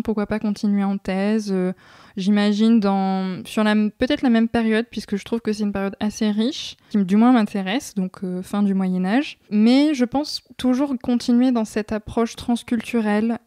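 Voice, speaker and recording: Young woman guest explaining her research, lots of little pauses, warm mellow voice. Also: mid-range voice, steady tone, no echo, clean studio sound. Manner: thoughtful, frequent hesitations. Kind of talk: explanatory interview answers.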